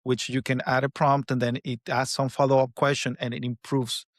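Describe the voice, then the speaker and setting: A man's voice: mid-range voice, flat delivery, fairly quick, no echo, clean studio sound. Latin American-accented man hosting, hesitant. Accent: Latin American Spanish. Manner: hesitant, repeats words while searching. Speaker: podcast host. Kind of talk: casual interview talk.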